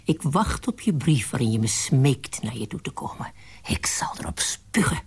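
A woman's voice: a bass voice, sing-song, normal speed, slightly rough, exaggerated voice. An actress playing a possessive, bitter mother in a radio drama, speaking in an intimate, often whispered way.

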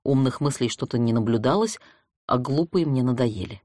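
An audiobook narrator telling a detective story in the first person, with a wry, lively delivery. The voice sits at a middling pitch and the recording is dry and close, with no room at all. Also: moderate pace, no room sound.

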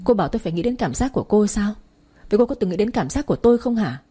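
A woman's voice: mid-range voice, lively intonation, racing, mellow, breathy edge, faint music behind. A woman voicing a cold, bitter young father who speaks curtly in an audiobook. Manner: curt and cold.

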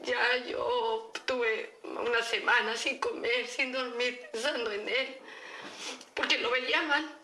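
A middle-aged Chilean woman, the mother of a teenager who has been accused, speaks in an interview with a fairly high, steady voice that sounds strained and bright. She talks slowly and earnestly, stressing her points and repeating herself as she describes what happened, and the recording has a roomy feel.

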